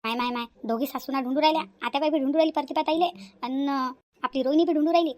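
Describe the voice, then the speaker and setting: A woman's voice: high voice, fairly even intonation, rapid-fire, natural voice. A woman voicing a gossiping village housewife in a cartoon, speaking. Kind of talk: cartoon voice acting.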